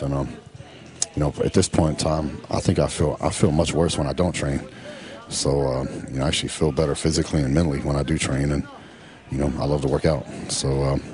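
Middle-aged man, rumbling bass voice, relaxed voice-over talk peppered with "uh" and "you know". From Texas. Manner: laid-back, drawn-out with many fillers. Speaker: professional bodybuilder. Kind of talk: casual voice-over narration.

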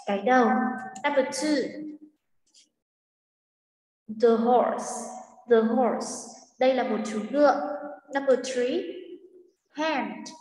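A woman teacher with a slightly high voice, patiently walking young children through a workbook. She repeats each word slowly. The sound is echoey and far from the mic, with a long room reverb. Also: darkish tone. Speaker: English teacher.

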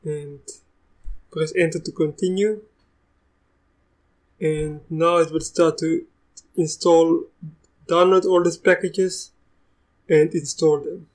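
A young man with a South African accent touched by Russian, hosting a live software tutorial in a chatty, easygoing way, restarting sentences as he goes. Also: a little high, steady tone, slow pace, pauses often, low-quality recording. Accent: South African, with a bit of Russian. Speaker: tech tutorial host.

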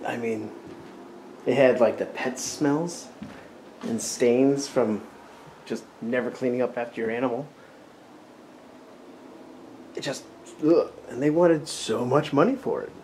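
An American man in his forties, an urban explorer vlogger, narrates a casual exploring video inside and behind a derelict abandoned house. His mid-range voice is slow and a little mellow with long pauses, and he's wry, muttering asides to himself. It's recorded on a handheld camera mic, and the audio is noisy.

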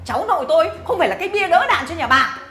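A woman's voice: very high voice, animated, rapid-fire, a bit bright, roomy sound, soft background music. An actress playing a scornful, bossy mother-in-law who scolds and mocks with sneering laughs. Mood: scornful scolding. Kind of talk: family drama acting.

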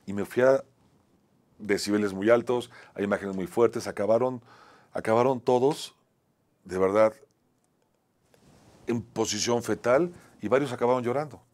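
A man with a Mexican accent, an acting teacher who tells a personal story on a talk show. He often ends phrases with a tag question and moves between a strong voice and a soft one. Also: fairly low pitch, moderate pace, pauses often. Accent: Mexican Spanish.

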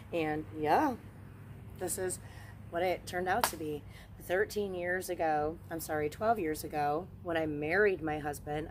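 Deep-voiced and relaxed, a forty-something witchcraft channel host chats openly to the handheld phone camera she holds at arm's length outdoors among the trees. A slight hiss or hum sits under the recording.

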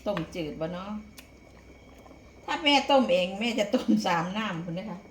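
A woman speaks with an Isan Thai accent in a folksy, chatty way, as if guiding viewers through a home recipe. Her pitch is average. The room rings with echo, and there is clear background noise with the clink of cookware. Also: expressive, normal speed. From Isan, northeastern Thailand. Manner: folksy, chatty, with polite particles. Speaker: home cooking vlogger. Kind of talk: casual cooking demonstration, addressing viewers.

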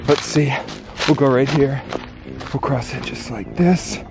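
Out in the woods, a young vlogger films himself on a handheld camera held at arm's length while rushing along. He talks urgently in a mid-range voice with vocal fry and a measured pace, gasping and exclaiming in excited narration over music.

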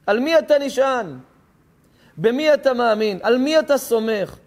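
A rabbi delivering a sermon, telling stories with passion, acting out dialogue and rising to shouts at times. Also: male voice, very high voice, lively intonation.

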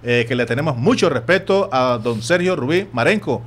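A man with a Nicaraguan Spanish accent hosting a sports radio talk show, telling stories in an animated way and acting out other people's voices. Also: medium pitch, moderate pace. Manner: animated storytelling, acts out quoted voices. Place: radio studio.

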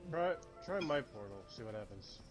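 A man's voice: medium pitch, expressive, normal speed. A man in a game session giving brief, matter-of-fact directions to his teammates. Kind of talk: casual gaming chat. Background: loud game music.

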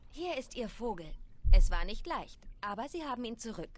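A young woman plays a determined, dry, matter-of-fact heroine in video game dialogue, with game music behind her. Her slightly high voice is very animated at normal speed, and there is slight background noise.

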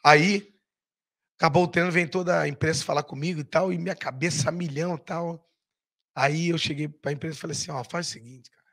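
Animated storyteller from Rio. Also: male voice, a little high, brisk. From Brazil. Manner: animated, acts out quoted voices, swears freely. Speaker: guest, former footballer. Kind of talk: casual storytelling.

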